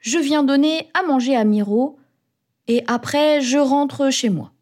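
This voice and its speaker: A woman voicing a calm, friendly uncle in a children's storybook. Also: high-pitched, unhurried. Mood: gentle. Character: friendly uncle, a grown man.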